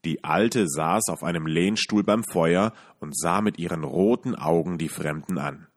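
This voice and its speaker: A man calmly reading a fairy tale aloud as a podcast storyteller. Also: sits low. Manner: calm, measured reading.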